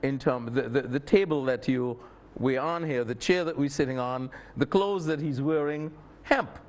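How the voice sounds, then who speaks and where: A man's voice: mid-range voice, normal speed. A man from Saint Kitts, explaining things emphatically as an expert guest in a panel discussion.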